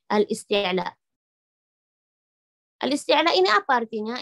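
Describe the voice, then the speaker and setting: A woman's voice: on the high side, a bit bright. A woman teaching Arabic letter pronunciation, explaining patiently, repeating each point and demonstrating the sounds. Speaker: Quran recitation teacher.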